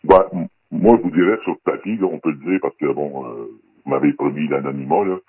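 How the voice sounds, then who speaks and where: An anonymous man with a Québécois French accent speaks as a guest on a radio talk show. His voice is electronically disguised and pitched very deep, and he talks in a guarded, hesitant way with many fillers. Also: fairly quick, husky, no room sound. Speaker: anonymous guest, former undercover federal police agent. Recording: dry, phone-like band-limited sound.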